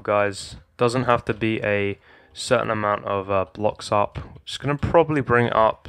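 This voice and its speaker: Chatty young man, slightly hoarse voice. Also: on the low side, fairly bright tone, no room sound. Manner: chatty, talks viewers through steps, addresses them as guys. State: slightly hoarse, losing his voice. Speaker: Minecraft building tutorial creator. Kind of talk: casual gameplay tutorial commentary. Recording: faint background music.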